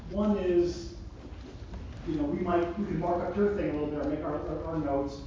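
A man's voice: fairly high pitch, fairly even intonation, moderate pace, warm tone, slight background noise. A man chatting casually in a group, informal and encouraging as he gives his input. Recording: distant, echoing, muffled room recording.

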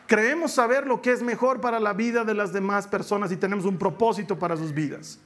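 An adult pastor with a young daughter preaches a church sermon to his congregation in a notably high voice at a fairly quick pace. He is emphatic and lively, repeating each point to drive it home and using playful mock voices when quoting someone.

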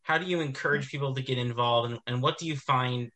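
A man's voice: medium pitch, fast talker, bright, forceful tone. A man asking an interview question informally, in a hesitant, apologetic manner.

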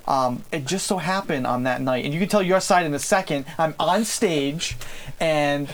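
A woman's voice: low-pitched, normal speed. A woman co-hosting a casual podcast chat, telling stage stories in a loose, profane way. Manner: animated, profane storytelling. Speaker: podcast co-host.

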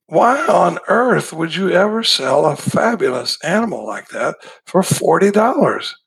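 An older man in his sixties playing an amazed male passer-by in a told joke, with a husky, gravelly voice. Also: high-pitched, sing-song, measured pace, fairly bright tone, voice pushed up, exaggerated voice. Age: 60s.

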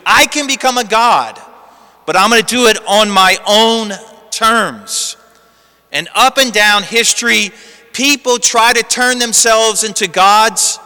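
A male priest reads the gospel and preaches in a slow, emphatic manner. His high, smooth voice rings out through a long cathedral reverb, as if filling a large church. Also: sharp tone. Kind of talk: gospel reading and homily.

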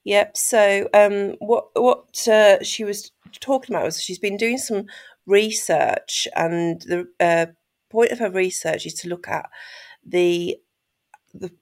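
A man co-producing a podcast, nasal from a cold, explaining in a laid-back, halting way. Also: sits high, steady tone, creaky. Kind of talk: casual chat.

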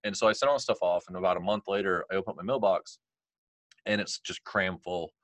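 A man telling a personal story in a casual chat, animated, quoting people and using lots of fillers. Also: low-pitched, quick pace, dry recording. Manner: animated, quotes others, many fillers like "like" and "you know". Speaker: guest telling his story.

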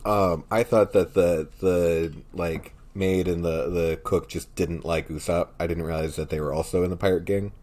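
A man's voice: sits low, steady tone, moderate pace, hardly any pauses, a little mellow. A man co-hosting a podcast in casual chat, rambling and correcting himself as he hunts for names. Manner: rambling and self-correcting, admits being bad with names. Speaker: podcast co-host.

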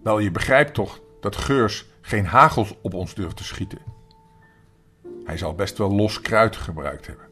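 A man's voice: fairly low pitch, expressive, unhurried, bright, forceful tone, faint music behind. An older man voicing a brave, loyal young boy who leads his friends, in a storybook reading. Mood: confident. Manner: commanding, urgent calls.

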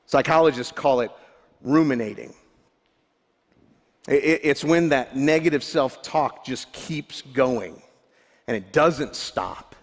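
A man's voice: medium pitch, slow, pauses often. A male pastor giving a sermon, candid and self-deprecating, often restarting his sentences. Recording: long hall reverb.

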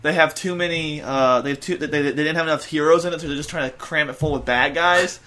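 A man co-hosting a casual podcast, talking in an animated, argumentative way. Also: fairly high pitch, fast, a little hiss or hum. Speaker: podcast co-host. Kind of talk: casual chat.

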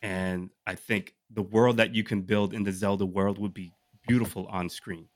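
Speaking at normal speed in a lowish, fairly even voice, a male podcast co-host casually and eagerly pitches his list of picks to the others, often asking rhetorical questions. The sound is clean studio audio with no room sound.

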